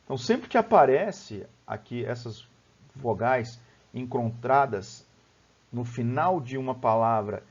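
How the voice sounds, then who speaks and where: Brazilian guy teaching poetry from home, husky voice, kinda dull lo-fi mic, keeps going "né?". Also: medium pitch, darkish tone. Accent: Brazilian Portuguese. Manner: explanatory, lots of "né?" and "ó". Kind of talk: online lesson on poetry.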